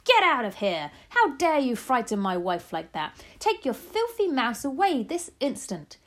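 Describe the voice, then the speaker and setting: A woman voicing an angry, blustering father who talks in exasperated shouts in a storybook reading. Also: mid-range voice, animated, normal speed, lightly acted. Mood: furious.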